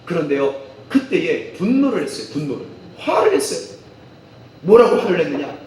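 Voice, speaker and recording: A man's voice: a little high, big pitch swings, a little fast, darkish tone. A man pastor preaching a sermon in a church, emphatic and repeating his key phrases. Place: church sanctuary. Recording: very echoey hall, mic far off.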